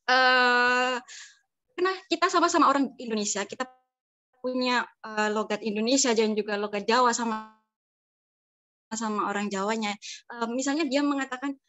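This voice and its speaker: A woman with a somewhat high voice speaks on an academic panel. She talks conversationally, drawing on personal anecdotes. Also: normal speed, pauses often, bright, forceful tone. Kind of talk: casual academic discussion.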